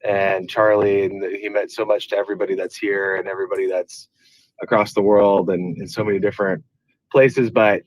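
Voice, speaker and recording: A fairly low-voiced man, the leader of an activist group, phones in from his car on speakerphone and talks earnestly in a rambling way, restarting often. His delivery is flat and brisk, and the casual call-in recording is low in quality.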